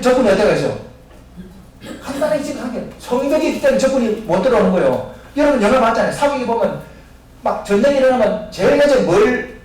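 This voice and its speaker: Fast-talking high-voiced Korean pastor. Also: male voice, a little mellow. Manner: asks the congregation questions and answers them himself; acts out the voices of people in Bible stories. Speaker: senior pastor. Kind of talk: sermon. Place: church sanctuary. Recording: echoey church from a distance.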